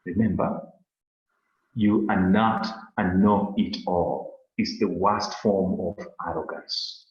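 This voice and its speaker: A man's voice: low-pitched, fairly even intonation, slow pace. A man from Kenya with a Kenyan accent, giving an earnest webinar lesson and often repeating words as he searches for them. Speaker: webinar teacher. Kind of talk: lecture on a webinar. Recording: very echoey, dull lo-fi webinar audio.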